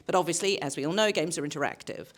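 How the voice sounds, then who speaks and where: A woman's voice: sits low, racing. A woman with a light New Zealand accent, a voice and performance director explaining her craft on a conference panel. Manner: explanatory, repeats key points. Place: conference stage.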